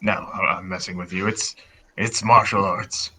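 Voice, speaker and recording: A man voicing a calm, guarded young martial artist in a tabletop role-play. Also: low-pitched, normal speed, slight background noise, poor audio. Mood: teasing.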